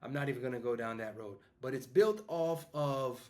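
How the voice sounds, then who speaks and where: At normal speed, a medium-pitched, slightly mellow male voice rambles casually to an audience. The speaker is a New York business coach and school founder in his fifties, and his talk is full of fillers and restarts.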